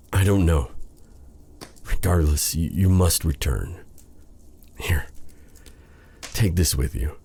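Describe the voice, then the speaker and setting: For a romantic fantasy audio roleplay, a man voices a brooding, tender dark sorcerer, speaking haltingly and intimately in formal, old-fashioned language. His husky, exaggerated voice rumbles low over slight background noise.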